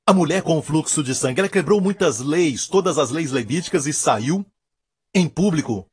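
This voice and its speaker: A fairly high, husky male voice preaching with emphatic, repeated phrases. He sounds close and dry, with little room around him, as he drives each point home. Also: animated, normal speed, no room sound. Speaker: pastor. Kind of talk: sermon.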